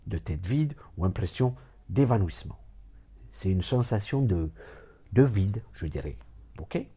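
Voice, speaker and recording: A man's voice: fairly low pitch, expressive, a little slow, warm tone, slightly rough. Rambling man giving a mock lecture. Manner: rambling, repeats words, stumbles playfully over words.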